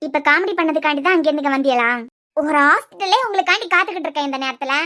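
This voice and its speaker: A woman voicing a quick-witted young wife in a cartoon web series, with a Kanyakumari Tamil accent and sharp, bickering retorts. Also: high-pitched, heavy background noise, close to an everyday voice. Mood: banter.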